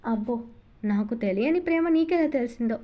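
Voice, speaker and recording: A woman's voice: on the high side, steady tone, a little fast, mellow, close to an everyday voice. A woman voicing a shy, emotional young wife in an audiobook novel reading, speaking in an earnest, bashful manner. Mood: playful.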